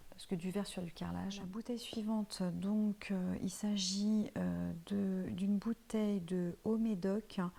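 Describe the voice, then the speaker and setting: This woman's mid-range voice is warm and slightly rough, with some vocal fry. She is a vlogger of Portuguese descent based in France, casually going over finished products for her viewers from a tiled room in her home, addressing them informally and using many fillers.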